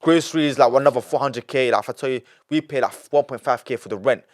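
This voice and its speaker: A nineteen-year-old Londoner, guesting on a casual podcast interview, talks quickly in a mid-range voice. His delivery is rambling and emphatic, full of restarts and repetition.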